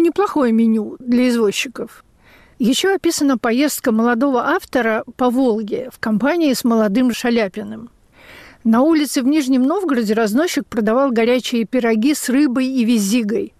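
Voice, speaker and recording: A woman radio essayist reading her memoir-style script in a measured, reflective way. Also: fairly high pitch, a little mellow, dry recording, clean studio sound.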